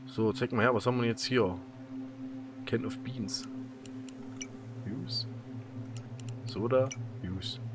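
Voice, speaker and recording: A man's voice: medium pitch, slow pace, long pauses, noisy background. A man with a German accent giving casual let's-play commentary, rambling and telling stories with many fillers and laughs. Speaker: gaming YouTuber.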